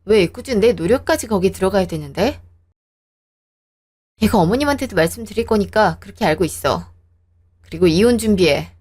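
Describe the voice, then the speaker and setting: A woman reading a scripted radio drama as narrator and wife, in a sharp, indignant way. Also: mid-range voice, lively intonation, fairly quick, long pauses, husky.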